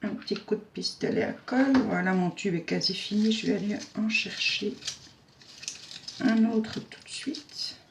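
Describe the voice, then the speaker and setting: A woman's voice: medium pitch, normal speed, vocal fry, background noise. Chatty woman teaching crafts. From Belgium. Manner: chatty and homely, narrating each step while working, with frequent fillers; self-mocking humor. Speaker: craft tutorial host. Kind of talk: casual step-by-step craft tutorial.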